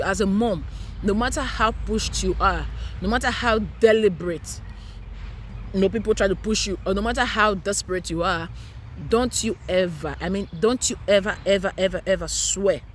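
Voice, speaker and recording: A woman's voice: mid-range voice, a little hiss or hum. A woman with a Nigerian accent, a mother talking earnestly to her viewers in a casual, preachy vlog, stressing her points by repeating them, recorded outdoors while walking in a park. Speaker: mother and vlogger. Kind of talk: casual preachy talk to camera.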